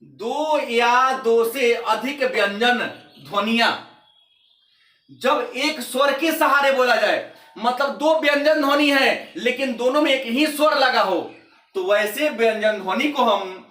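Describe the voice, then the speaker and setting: A male teacher with a very high, bright and forceful voice. He gives a classroom grammar lesson and repeats his definitions slowly so students can copy them. The sound is roomy and echoey, picked up from some distance. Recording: echoey room, mic at a distance.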